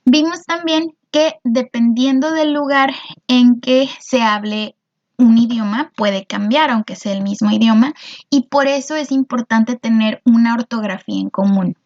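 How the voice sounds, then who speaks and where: A woman's voice: on the high side, darkish tone, lo-fi sound. A woman teacher, patiently explaining a lesson and often checking in with her students. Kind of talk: recorded class explanation.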